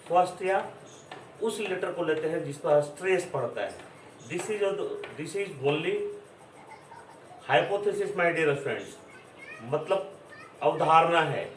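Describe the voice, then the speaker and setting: A man giving a classroom lecture, explaining slowly and repeating his words. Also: a little high. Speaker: teacher. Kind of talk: classroom lecture mixing Hindi and English. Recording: echoey room, voice from a distance, faint background noise.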